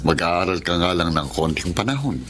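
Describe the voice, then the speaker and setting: A practical, caring grown son speaks in a fairly low voice. It is Filipino radio drama acting, with faint noise in the background. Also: male voice, lively intonation, normal speed, a bit bright. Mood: affectionate.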